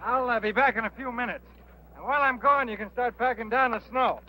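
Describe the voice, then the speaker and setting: An actor playing a brisk, commanding guide on a winter trek, in old B-movie style. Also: male voice, extremely high pitch, sharp tone, exaggerated voice. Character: brisk man guiding a group on a winter trek. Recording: noisy old film soundtrack.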